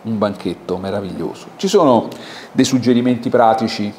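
A man with an Italian accent preaching a sermon in a lively, conversational way, asking the congregation questions. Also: on the low side, normal speed. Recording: echoey church hall with faint background noise.

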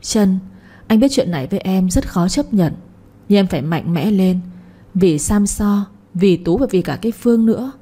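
A woman voicing a tender young husband who speaks in a low, warm, even tone, consoling his grieving wife in an audiobook story. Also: moderate pace. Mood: gentle, consoling.

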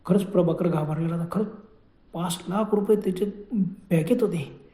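A man's voice: high voice, normal speed, dark tone. A man telling a horror story in a loose, conversational way, with frequent restarts. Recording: echoey room.

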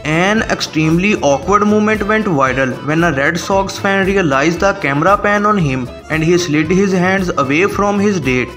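A man with a high-pitched voice reads scripted commentary as a video narrator. Faint music plays underneath him throughout. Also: moderate pace, hardly any pauses, fairly bright tone. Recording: voice-over with music bed. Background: background music.

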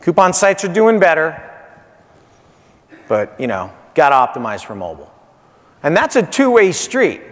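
Long pauses punctuate the keynote of a man in his forties, a marketing executive on a large hotel conference stage indoors. His voice runs high, with huge pitch swings and a moderate pace, and he speaks in punchy short phrases, repeats key points and asks "right?". The hall is reverberant.

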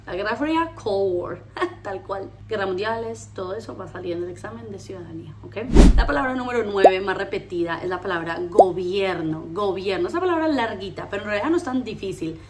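A woman teaching a pronunciation lesson, lively, drilling words slowly and repeating them. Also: mid-range voice, background noise. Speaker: English teacher.

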